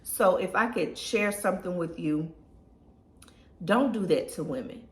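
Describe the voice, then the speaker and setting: A woman's voice: on the low side, unhurried. A woman in her thirties telling a personal story to her viewers in a casual, emotional way, often saying "y'all". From Southern US. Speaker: lifestyle vlogger. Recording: echoey room.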